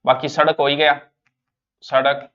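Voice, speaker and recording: Male teacher, Rajasthani accent, slightly high voice, lively and teasing, lo-fi classroom sound. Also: measured pace. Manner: lively, mixes in local dialect, teases students. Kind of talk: exam-prep class on spelling.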